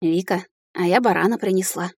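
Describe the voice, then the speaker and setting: A woman reading an audiobook, voicing a huge mother dragon who speaks in a slow, flat, dazed way. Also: mid-range voice, husky, dry recording. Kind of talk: audiobook character voice.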